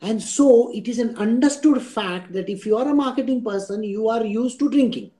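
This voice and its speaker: A man's voice: very high voice, normal speed, warm tone. A man with an Indian English accent giving a spiritual discourse, teaching didactically through everyday examples and checking in with rhetorical questions.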